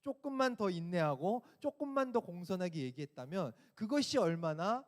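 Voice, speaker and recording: A man's voice: high voice, sing-song, normal speed. A man, an assistant pastor, giving a sermon to a teen youth group, telling a personal story and asking the listeners questions.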